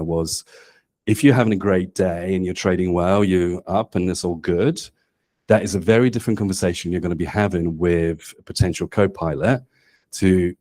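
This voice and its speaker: A presenter in his forties, not from Australia, talks to a meetup audience in a meeting room, holding a microphone. His low, mellow voice carries a relaxed, conversational delivery, sprinkled with "um" and the tag question "right?"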